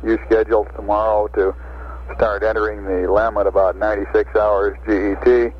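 An American man working as a spaceflight communicator, speaking in a halting, businesslike way over an old space radio link. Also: fairly low pitch, little pitch movement. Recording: muffled, noisy 1960s space radio link.

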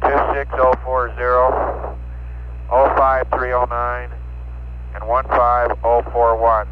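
A man's voice: mid-range voice, monotone, takes it slowly. A man, an astronaut, giving terse, clipped status reports to mission control over a crackly spacecraft radio link. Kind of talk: air-to-ground radio communication. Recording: muffled radio link with faint static.

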